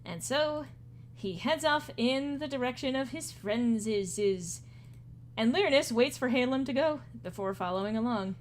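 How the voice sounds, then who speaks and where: A woman narrating a tabletop game as game master, relaxed and chatty, often laughing. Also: a little high, moderate pace, a little hiss or hum.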